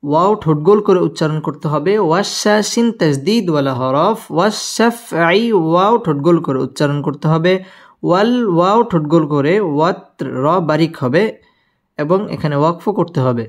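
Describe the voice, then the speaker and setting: A man teaching Quran recitation letter by letter, spelling out each sound, chanting the verse slowly, and explaining the recitation rules in plain speech. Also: a little high, lively intonation. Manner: gives tajweed rules in quicker plain speech between recitations.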